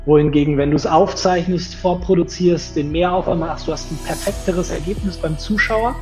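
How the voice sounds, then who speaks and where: A man's voice: normal speed, a little mellow, faint music behind. A man talking as an interview guest, recorded poorly from his home office without a proper microphone and with heavy room reverb. He explains things at length, with frequent filler sounds and restarts. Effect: low-quality home-office recording with heavy room reverb and no proper mic. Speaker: interview guest, event entrepreneur. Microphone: unsuitable microphone.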